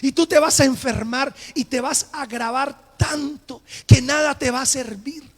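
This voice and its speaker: A man voicing Jesus as a calm, assured man giving hard news with patient emphasis, in an echoing church hall. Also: very high-pitched, measured pace, pitched above the performer's own voice. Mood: earnest.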